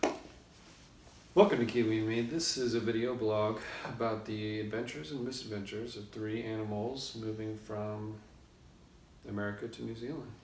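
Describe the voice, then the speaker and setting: A man's voice: fairly low pitch, fairly even intonation, moderate pace. A man co-hosting a casual video blog, announcing things in a mock-formal way, recorded in an echoey room from a distance. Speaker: co-host of a couple's video blog. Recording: echoey room, distant mic, faint noise.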